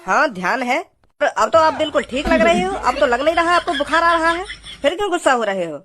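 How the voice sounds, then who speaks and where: An actor doing a quick, curt village doctor. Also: sits high, lively intonation, bright, forceful tone, a little hiss or hum. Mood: defensive. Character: village doctor, male, brusque and dismissive. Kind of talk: cartoon voice acting.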